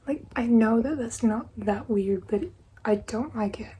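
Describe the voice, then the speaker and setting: Young woman, soft half-whisper. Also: fairly high pitch, a little slow, slightly rough, poor audio. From Australia. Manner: frank, chatty, often half-whispered. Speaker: vlogger. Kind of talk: casual vlog chat.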